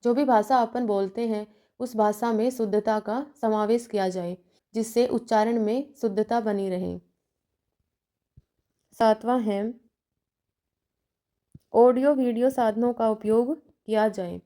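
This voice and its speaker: A woman's voice: on the high side, fairly even intonation, unhurried, long pauses, dark tone. A woman giving a teacher-training lecture, working through numbered points with examples and checking in between them. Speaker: teacher educator.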